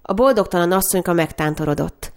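A woman reads a story aloud, calm and expressive in her delivery. Her voice is lower than that of most women. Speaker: narrator. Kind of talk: audiobook story reading.

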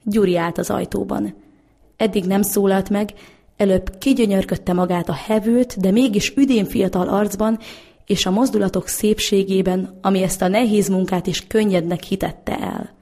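Female storybook narrator, steady, expressive reading. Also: mid-range voice, gravelly.

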